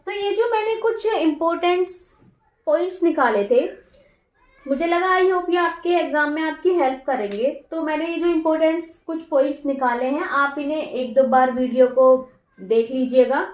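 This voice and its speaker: Speaking at a normal speed in a high voice, a female teacher gives a slow, dictation-style revision lesson. She says every phrase word by word, then asks and answers her own questions. She sounds distant, in an echoey room.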